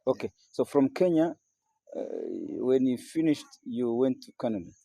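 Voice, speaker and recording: A man's voice: medium pitch, moderate pace, dark tone, no room sound. A man interviewing a guest, asking short direct questions and prompting for details.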